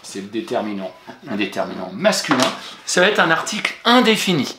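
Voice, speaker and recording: A man's voice: mid-range voice, big pitch swings, a little fast, noisy background. Patient man teaching spelling, roomy sound. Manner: patient and encouraging, spells out letters. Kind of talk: spelling lesson for a young pupil. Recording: roomy echo.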